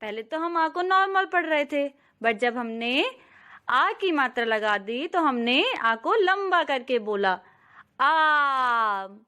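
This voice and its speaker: A woman teaching a slow, clear phonics lesson to young children, stretching out each syllable and often calling out to them. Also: sits high, animated. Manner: drawn-out syllables, addresses children warmly; very slow, careful pace. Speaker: kindergarten teacher.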